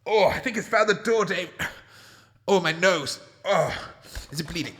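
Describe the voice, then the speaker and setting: A man's voice: high voice, moderate pace, fairly bright tone. A British man performing a comic radio play with a blustering, laughing manner, music under his voice. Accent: British English. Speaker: comedy radio drama performer.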